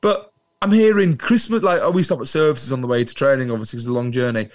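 Podcast co-host: younger man, medium pitch, very dry recording, conversational, hammers points by repeating them. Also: quick pace, no echo. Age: younger adult. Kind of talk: casual chat.

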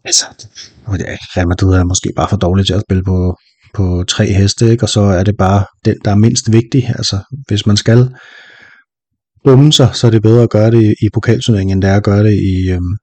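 Male podcast panelist, relaxed and wry, warm low voice. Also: no echo. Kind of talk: casual football podcast chat.

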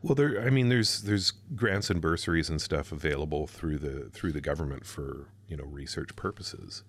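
A man co-hosting a casual podcast, explaining things with many pauses and restarts. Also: extremely low pitch, no room sound. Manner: hesitant, many fillers and restarts when explaining. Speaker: podcast co-host. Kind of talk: casual chat.

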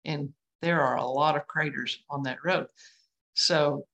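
A woman from West Texas with a West Texas twang, chatting as a guest on a video call in a halting, self-deprecating way. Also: low-pitched, fairly even intonation, gravelly, a bit bright, dull audio. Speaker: guest artist, painter. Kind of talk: casual interview chat over video call.

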